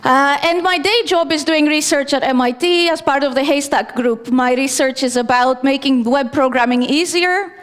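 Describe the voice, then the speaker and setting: A woman's voice: high voice, normal speed, few pauses. Conference speaker, woman from Greece, thirties, casual and self-deprecating, stage mic in a reverberant hall. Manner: chatty, self-deprecating, with fillers. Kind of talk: technical conference talk. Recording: long reverb of a large hall.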